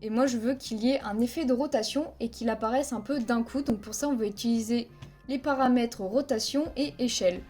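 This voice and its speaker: This is a screen-recorded software tutorial: a woman on a headset mic teaches video editing, narrating every step simply and counting frames aloud. Her voice is a little high and a little mellow, her pace fairly quick, and faint music sits in the background.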